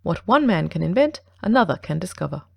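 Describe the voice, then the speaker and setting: A woman playing a stern, commanding gentleman detective in a dramatic audiobook reading, formal and accusing. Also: on the low side, big pitch swings, a little fast, vocal fry, dry recording, exaggerated voice. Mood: cool, assured.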